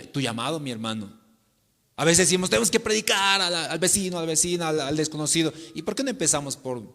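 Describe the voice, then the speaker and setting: A man preaching a sermon to his congregation, swinging between loud declarations and hushed pleas. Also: medium pitch. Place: church sanctuary. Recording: long church reverb.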